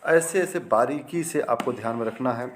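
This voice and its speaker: A man's voice: mid-range voice, moderate pace, slight background noise. A man teaching a Hindi grammar lesson, reading each wrong sentence and then its correction, often checking with "right?". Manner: repeats each example twice, wrong form then correct, with frequent "ठीक है ना" checks.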